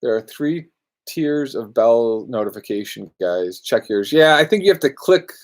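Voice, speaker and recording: Hosting a live luthier Q&A from his workshop, a man chats casually and rambles his way through viewer questions. His medium-pitched voice has lively intonation and a moderate pace.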